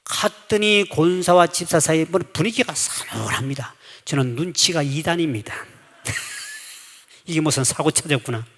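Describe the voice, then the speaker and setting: Folksy shouting Korean pastor in hall. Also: male voice, fairly high pitch, unhurried, a little hiss or hum. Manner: folksy, humorous, shouts for emphasis. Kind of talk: revival sermon with anecdotes. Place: church sanctuary. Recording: echoey church hall.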